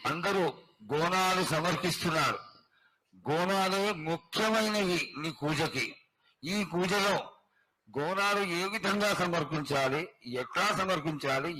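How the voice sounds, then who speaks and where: A man speaking as a priest in formal devotional address, reverent, in short measured phrases with pauses. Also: a little high, bright, forceful tone, slight background noise, low-quality recording. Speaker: priest questioning the oracle.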